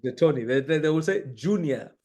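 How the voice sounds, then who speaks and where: A man from northern Uganda, an executive, talks about purpose on an interview podcast, earnest and emphatic and leaning on frequent fillers. His voice is on the high side and a little mellow, animated and fairly quick. Books line the room behind him in this reflective, conversational interview.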